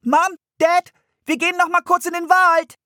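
A man voicing an eager young girl in a storybook reading, with bright excited exclamations. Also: sits high, normal speed, husky, dry recording, studio quality, pitched above the performer's own voice, heavily acted.

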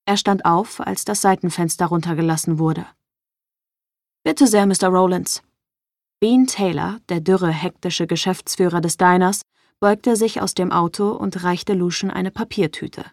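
Woman narrator, first-person audiobook, lowish voice, measured storytelling. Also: steady tone, no room sound, studio quality.

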